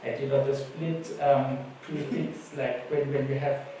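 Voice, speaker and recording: In a conference hall full of echo, a German panelist tells informal, anecdotal stories as part of a conference talk. His medium-pitched voice is dark and flat, and he speaks a little slowly. German is his first language; the mic is distant and a faint noise runs underneath.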